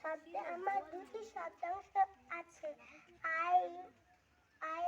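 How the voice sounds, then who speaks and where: A young female speaker recites a lesson in a very high voice, slow and deliberate. The recording sounds dull and lo-fi, with a bright edge to her tone. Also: steady tone, a loud crowd. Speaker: pupil presenting a lesson. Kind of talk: recited school presentation, English and Bengali.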